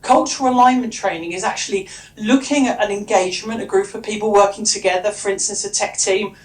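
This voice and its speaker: A woman's voice: mid-range voice, fairly quick. Chatty woman presenting in an echoey room. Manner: chatty, with frequent restarts and asides. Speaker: conference speaker and workshop trainer. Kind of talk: lively conference presentation. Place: conference room.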